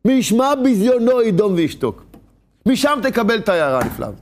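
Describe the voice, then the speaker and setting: A man giving a Torah lesson, animated, asking rhetorical questions and at times raising his voice. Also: high-pitched. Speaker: religious teacher.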